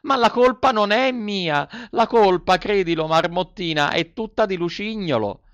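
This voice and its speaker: A man voicing a frightened wooden puppet boy in a storybook reading, shrill, pleading and sobbing. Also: lively intonation, unhurried, a bit bright, dry recording. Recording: dull, dry recording.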